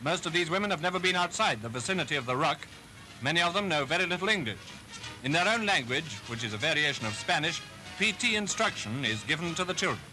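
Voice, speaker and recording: A man narrating a 1940s newsreel in a formal, measured announcer style, heard as old archive film sound. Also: a little high, animated, rough recording. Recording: old newsreel with music underneath.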